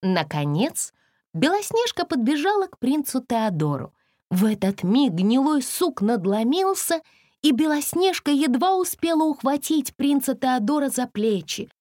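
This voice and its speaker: A woman narrating a fairy-tale audiobook in an expressive, measured storytelling manner. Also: high voice, no room sound, clean studio sound.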